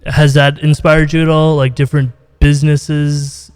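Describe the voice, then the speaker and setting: His voice is on the high side, clear and resonant, with little pitch movement and a moderate pace. The American interviewer from Ohio chats casually on a video call, leaning on "you know," in a reverberant room with long reverb.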